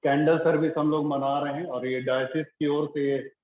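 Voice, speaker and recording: A man's voice: a little high, flat delivery, moderate pace, a little hiss or hum. A pastor preaching a sermon in a conversational way, repeating his phrases with many fillers. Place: church. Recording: echoey church on a tinny phone-like line.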